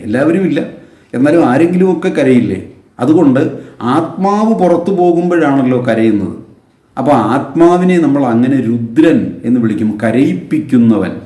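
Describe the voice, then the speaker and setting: A man giving a religious lecture on a Sanskrit hymn, patiently explaining with everyday examples and slowly drawing out the sacred names. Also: medium pitch, warm tone, roomy sound. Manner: slow, drawn-out chanting of sacred names.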